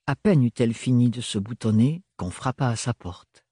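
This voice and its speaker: A male audiobook narrator reads in a measured, literary way. His voice is husky at an ordinary middle pitch, recorded dry and close with no room sound. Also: warm tone, no echo. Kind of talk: scripted narration.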